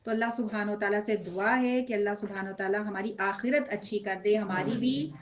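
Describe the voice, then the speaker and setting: A woman teaching a Quran lesson to a class, asking them questions and answering them in an animated way. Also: medium pitch. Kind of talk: religious lesson with class responses.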